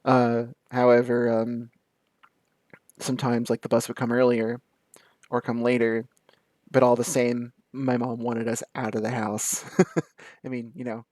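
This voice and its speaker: A young man chatting to the camera in a relaxed, storytelling way. He laughs often, throws in quick asides, and his voice sits in a middle register. The sound is close and dry, with no room echo. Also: mid-range voice. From American South. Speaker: vlogger.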